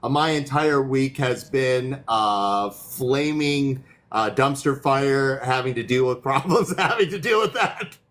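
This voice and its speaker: A man's voice: mid-range voice, unhurried, few pauses, a bit bright. Easygoing male livestream host. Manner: easygoing, loose, many fillers and restarts. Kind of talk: casual chat.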